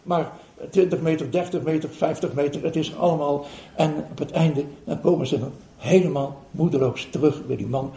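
Speaking at a normal pace, this older meditation teacher from the Netherlands has a fairly high, steady, mellow voice. He narrates a story for an audience with chuckles and hesitant fillers, recorded in a spacious hall.

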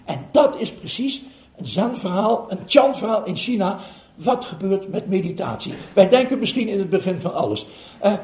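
A man's voice: high voice, moderate pace. Older man telling a story. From Netherlands. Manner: animated, chuckling, hesitant fillers. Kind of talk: storytelling talk to an audience. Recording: roomy hall recording.

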